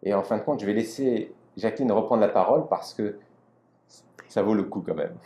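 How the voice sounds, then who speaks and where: A man from France introduces his guest, pausing on the odd filler as he sets up the story. His voice is low and mellow. The room around him adds a noticeable echo. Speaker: interviewer, host. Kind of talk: interview introduction.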